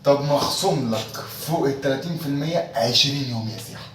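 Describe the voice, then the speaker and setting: A man's voice: medium pitch, fast talker. A man with an Egyptian accent playing an office manager in a comic sketch, speaking with mock-affectionate, sugary sarcasm. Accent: Egyptian Arabic. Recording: echoey room, distant mic, faint noise.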